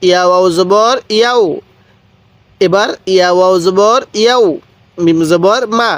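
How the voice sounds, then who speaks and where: A man's voice: sits high, a little slow, a bit bright, no room sound. A man teaching Quran reading, spelling out Arabic syllables and repeating them patiently for learners to read along. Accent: Bangladeshi Bengali. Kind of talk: slow spelled-out recitation lesson.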